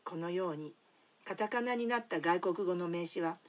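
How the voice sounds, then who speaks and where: A woman teaching English pronunciation gives a scripted lesson in a measured, explanatory way. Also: on the low side.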